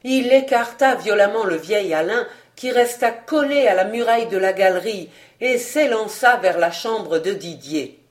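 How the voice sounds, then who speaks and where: A volunteer reader narrating a classic novel as an audiobook in a steady, expressive way. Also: mid-range voice, normal speed.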